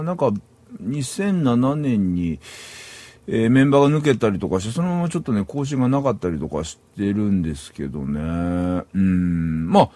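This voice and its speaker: A man's voice: medium pitch, darkish tone, no room sound. A middle-aged man from Saitama, Japan, hosting a solo podcast in a rambling, casual way and chuckling at himself. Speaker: podcast host.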